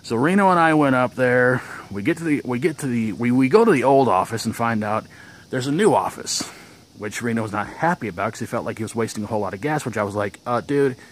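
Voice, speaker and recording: A man's voice: medium pitch, animated, normal speed, a little hiss or hum. A young man telling a casual vlog story outdoors, rambling, with restarts and chuckles. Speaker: vlogger.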